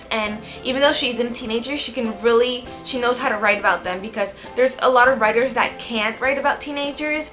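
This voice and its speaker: A woman's voice: on the high side, sharp tone, muffled recording. A young woman gushing over a book in a casual vlog review, full of "like" and effusive praise.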